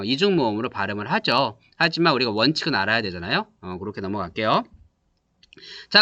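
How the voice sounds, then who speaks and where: A man teaching a class, explaining step by step, checking understanding with quick questions and demonstrating sounds aloud. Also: on the high side, pushed and bright, no echo, highs cut off. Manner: models vowel sounds aloud for students to repeat. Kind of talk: classroom lecture.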